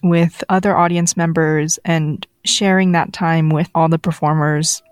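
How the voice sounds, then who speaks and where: A woman's voice: low voice, steady tone, a little slow, no echo, clean studio sound. A woman in her twenties talking in a plain, conversational way as a podcast guest. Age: 20s. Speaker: interview guest. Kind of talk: casual chat.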